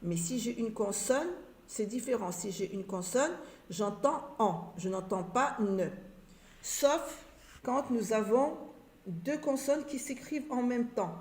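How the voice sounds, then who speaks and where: A woman teaching a reading lesson to young learners, speaking slowly and repeating each word and syllable with care. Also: fairly high pitch, expressive, a little mellow. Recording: roomy echo.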